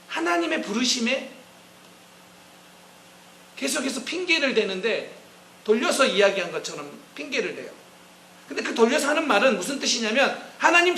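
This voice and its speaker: A man's voice: bright, forceful tone, roomy sound, slight background noise, poor audio. A middle-aged male pastor preaching a sermon, telling stories and lifting his voice to stress points and act out quotes. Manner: storytelling, rises in pitch and force when quoting or stressing points. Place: church sanctuary.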